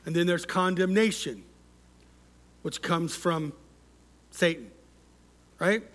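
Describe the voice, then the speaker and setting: Male pastor, middle-aged, high voice, unhurried interactive sermon delivery. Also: a bit bright. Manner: interactive preaching, asks the congregation for responses; measured, repeats key words for emphasis.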